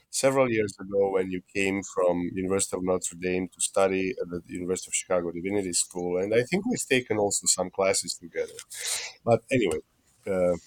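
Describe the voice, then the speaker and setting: A man with a lowish voice conducts an academic interview in Chicago. He speaks haltingly, breaking his sentences with frequent ums and uhs. The sound is close and dry, with no room echo.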